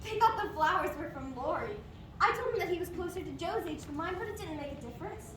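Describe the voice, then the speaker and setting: A woman's voice: very high voice, lively intonation, fast talker. A woman playing an earnest, romantic and proud young woman in an amateur stage play, recorded from a distance in a noisy, echoing room. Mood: wistful.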